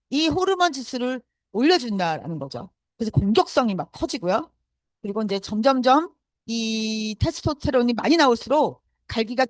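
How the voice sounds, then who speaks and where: A woman's voice: fairly high pitch, no echo. A woman giving a motivational talk, urging the audience with rhetorical questions and repeated affirming fillers. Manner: emphatic and urging. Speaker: motivational speaker.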